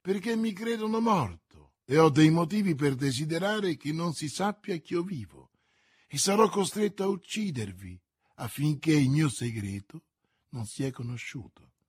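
A man reading aloud and voicing a grave musketeer who speaks coldly and calmly, with a husky voice. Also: a little high, dry recording, clean studio sound. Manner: cold, measured, calm.

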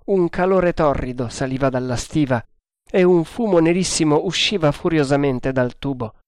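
A man reading an adventure novel aloud in a measured, deliberate narration. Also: fairly high pitch, darkish tone, clean tone, dry recording, clean studio sound.

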